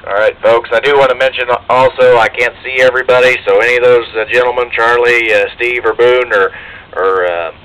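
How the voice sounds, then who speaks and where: Male auctioneer, middle-aged, forceful and folksy, on an outdoor PA with clear background noise. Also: mid-range voice, fairly even intonation, brisk. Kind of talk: live outdoor auction announcing. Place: outdoors at a tree lot, from an auction truck. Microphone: handheld PA microphone, filmed by bystander's camera. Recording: noisy outdoor PA recording.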